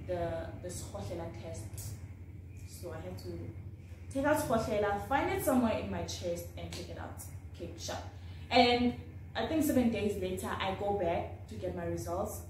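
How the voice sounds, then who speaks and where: A young woman telling a storytime vlog, chatty and animated, acting out her own reactions. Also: on the low side. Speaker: vlogger. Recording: echoey room, mic at a distance, faint background noise.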